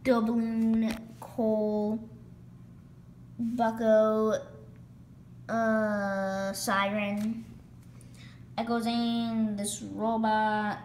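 Losing her voice, a hoarse woman vlogger pages through a toy catalog in unscripted, rambling commentary, reeling off items quickly with fillers at a slow overall pace. Her voice is a little high, monotone and slightly mellow. The phone recording comes from an echoey indoor room with noticeable background noise.

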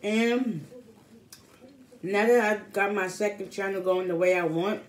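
A woman's voice: medium pitch, measured pace. A woman in her thirties chatting casually to the camera as she eats, often talking between bites. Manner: talks between bites, mouth often full. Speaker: mukbang vlogger. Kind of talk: casual chat to camera while eating. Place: small room at home, indoors. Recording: clear background room noise.

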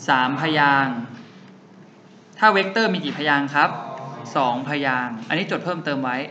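A young man teaching a physics lesson who keeps asking his students quick rhetorical questions and answering them himself. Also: fairly high pitch, animated, muffled recording, over music. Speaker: physics tutor. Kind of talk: classroom lecture. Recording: faint background noise.

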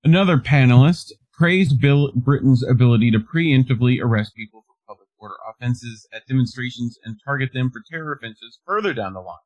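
A man's voice: medium pitch, a little fast, few pauses, a little mellow, dry recording, muffled recording. A male co-host reading news articles aloud and breaking off with laughs and wry comments.

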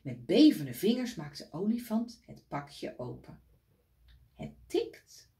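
A woman reading a picture book aloud to children, gently pointing out the pictures as she goes. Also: mid-range voice, big pitch swings, unhurried.

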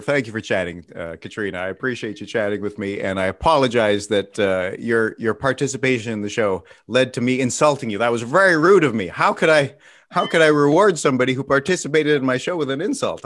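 A man's voice: mid-range voice, brisk, fairly bright tone, no room sound, studio quality. A middle-aged man doing casual stand-up comedy over a video call, self-mocking and laughing at his own jokes. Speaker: stand-up comedian hosting a virtual show.

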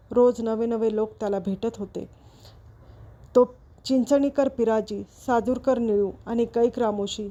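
A woman storyteller reading a novel aloud in a steady, even narration. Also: on the high side, highs cut off.

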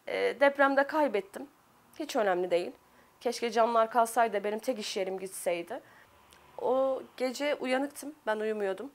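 A woman in her forties from Turkey, a business owner giving an earnest, reflective interview testimony, pausing often with fillers. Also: fairly high pitch.

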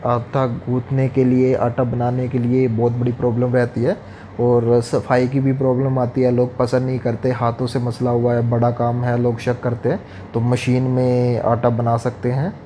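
A man in his thirties talks straight to camera, explaining and listing items in a steady, instructive manner. His voice is mellow and somewhat dark, at a middle pitch for a man. It is picked up close by a lapel mic in a small indoor room. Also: measured pace, slight background noise. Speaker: restaurant equipment seller.

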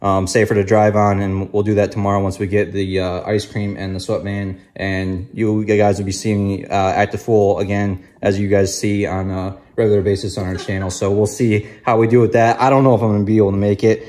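A man's voice: on the low side, flat delivery, fairly quick, hardly any pauses, darkish tone. A young man hosting a casual family food review vlog, talking in a laid-back way with lots of ums and uhs. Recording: echoey room.

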